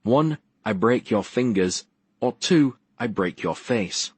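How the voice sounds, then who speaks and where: A man's voice: fairly low pitch, lively intonation, slow pace, husky, no room sound, pitched above the performer's own voice, heavily acted. A man voicing a menacing casino heavy who talks in blunt threats, in an audiobook.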